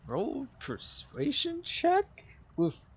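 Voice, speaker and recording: A man running a tabletop game as game master, playful and lively. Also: very high-pitched, very slow.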